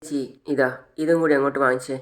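A man playing a gentle middle-aged aunt who coaxes her sister to eat, in a retold serial. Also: mid-range voice, fairly even intonation, quick pace, close to an everyday voice. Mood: coaxing. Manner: soothing, coaxing.

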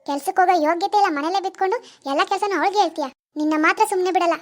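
A woman's voice: very high-pitched, rapid-fire. A woman voicing a vengeful female ghost in a cartoon, scolding and threatening a lazy husband. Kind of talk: animated cartoon voice acting.

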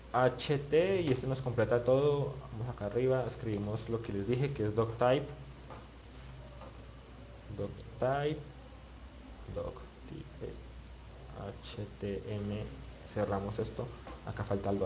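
A man's voice: fairly low pitch, steady tone, moderate pace, a little mellow, slight background noise. Guy teaching html on screen, mumbles to himself, lots of restarts, kinda muffled. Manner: thinks aloud, mutters while clicking, many restarts. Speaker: web development instructor. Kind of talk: screen-recorded coding tutorial.

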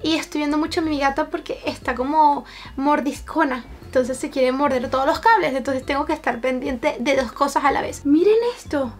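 This streamer in her twenties has a Venezuelan accent and a voice that sits high, talking a little fast over soft background music. She chats to camera from a small indoor bedroom lined with shelves, reacting to memes and streams, and a shotgun mic on the camera captures her.

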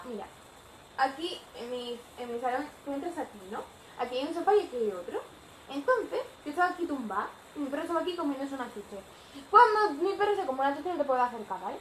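Chatty young Spanish woman, high voice. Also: echoey room, slight background noise, rough recording. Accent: Spanish from Spain. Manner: chatty, rambling with fillers. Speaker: vlogger. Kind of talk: casual storytime. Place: home living room.

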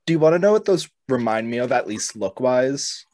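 A man's voice: mid-range voice, expressive, a little fast, a little mellow. A man in his thirties bantering casually as a co-host with short reactions. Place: home room, on a video call. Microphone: headset.

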